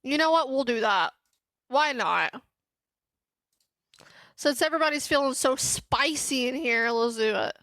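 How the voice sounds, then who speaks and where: A woman's voice: sits high, lively intonation, unhurried, long pauses, fairly bright tone, no room sound. A young adult woman streaming a game, chatting casually and in a giggly, scattered way with her viewers. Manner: giggly and scattered, talking to chat. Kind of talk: casual live-stream chat.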